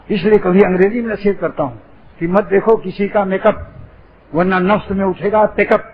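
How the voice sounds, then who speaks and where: High-voiced preacher on a dull recording. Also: male voice, steady tone, breathy edge. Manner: playful wordplay, teasing. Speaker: Islamic preacher. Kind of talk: humorous sermon.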